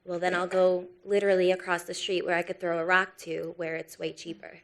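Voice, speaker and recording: A woman from Long Island speaks up from the audience at a seminar. She asks her question hesitantly, in a voice that sits fairly low for a woman. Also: flat delivery, brisk. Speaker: audience member asking a question.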